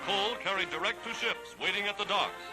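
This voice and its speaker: High-pitched 1940s newsreel man over loud music. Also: fairly quick, poor audio. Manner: dramatic, declamatory old newsreel delivery. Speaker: newsreel narrator. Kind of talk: 1940s newsreel narration, scripted.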